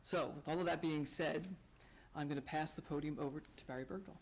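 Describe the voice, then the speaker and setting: A man with a somewhat high voice introduces a speaker at a lecture event. He reads a formal prepared text from the podium. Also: steady tone, brisk, poor audio. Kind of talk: scripted introduction. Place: lecture hall.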